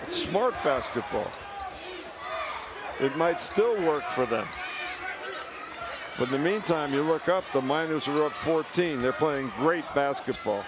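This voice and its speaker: A man's voice: on the high side, lively intonation, unhurried, pauses often. A man working as color commentator on a live basketball game, explaining plays and rulings in conversational, folksy asides. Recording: noisy arena broadcast with loud crowd. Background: loud crowd, bouncing basketballs.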